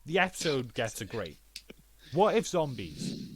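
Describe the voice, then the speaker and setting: A man co-hosting a podcast, chatting casually and excitedly, swearing and acting out characters' lines. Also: medium pitch, measured pace, slight background noise. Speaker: podcast co-host. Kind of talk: casual chat.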